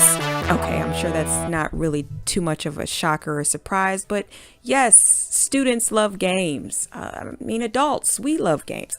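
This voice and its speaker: A woman's voice: on the low side, creaky. A woman teacher giving classroom tips in a casual, conversational way, often repeating words as she goes. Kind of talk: chatty instructional video talk.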